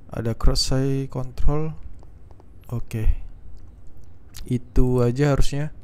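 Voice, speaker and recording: A young man, a gaming YouTuber, casually talking through a let's-play in a relaxed, chatty way, thinking aloud with lots of fillers. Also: medium pitch, clean tone.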